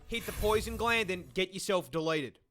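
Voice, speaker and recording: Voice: mid-range voice, lively intonation, normal speed, over music. A narrator delivering scripted comedic narration in a punchy, sarcastic and sweary manner. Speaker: narrator of an animal video.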